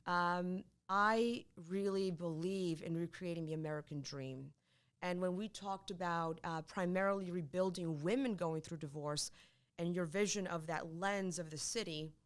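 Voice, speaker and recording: A middle-aged divorce attorney from Poland, a native Polish speaker, talks in a conversational interview with a lowish, clean-toned voice. She's emphatic and quickly repeats herself when she gets excited.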